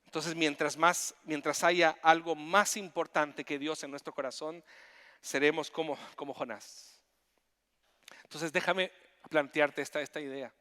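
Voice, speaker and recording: A man preaching a sermon as pastor, animated, with frequent restarts and repetitions. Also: a little high, a little slow, big-room sound. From Chile. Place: church sanctuary.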